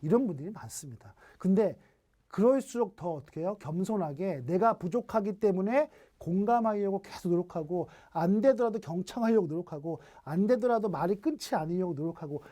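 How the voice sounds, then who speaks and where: A lecturer with a mellow, warm tone delivers an online training session. The talk is full of rhetorical questions. Short snippets of dialogue are acted out to make each point. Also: mid-range voice. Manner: asks rhetorical questions, acts out quoted dialogue.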